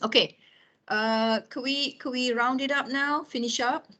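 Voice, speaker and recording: This woman in her fifties has a high, bright, forceful voice with fairly even intonation and a measured pace. She's giving an informal talk with personal anecdotes, chatting conversationally and often checking on her listeners.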